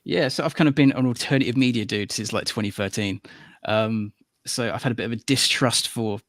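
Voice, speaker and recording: Guesting on a laid-back panel podcast, this animator and musician in his late thirties laughs readily and tells stories that wander. He speaks briskly in a mid-range, fairly bright voice, with no echo on the recording.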